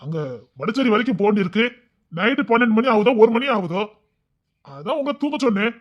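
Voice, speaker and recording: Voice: mid-range voice, expressive, highs cut off, lightly acted. A performer playing a blunt young husband, a police officer who argues with his mother in a family drama skit. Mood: arguing. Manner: blunt, rapid, scolding.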